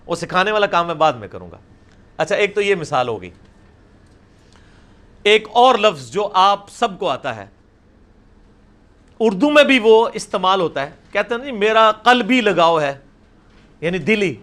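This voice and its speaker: A man's voice: sits high, sing-song, pauses often, fairly bright tone. A middle-aged man, teaching a class at a blackboard and explaining patiently with questions to the audience. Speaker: religious teacher. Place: indoor lecture room with a blackboard.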